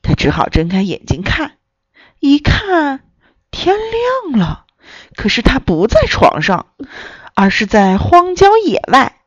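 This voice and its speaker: A woman reading a children's story aloud in an expressive storytelling way. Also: mid-range voice, slow, no echo, highs cut off.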